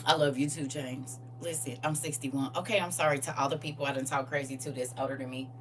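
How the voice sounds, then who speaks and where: A woman in her forties with a low voice hosts a casual livestream and reads viewer comments aloud in an animated, teasing way. Her mic sits a little away from her, and there is a faint hum behind her. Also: fast talker, recorded from a distance.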